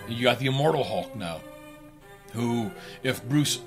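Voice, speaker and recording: A man's voice: medium pitch, unhurried, music in the background. A man co-hosting a live radio talk show, chatting casually and animatedly about a film, swearing freely. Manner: animated, swears, does funny voices. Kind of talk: casual chat.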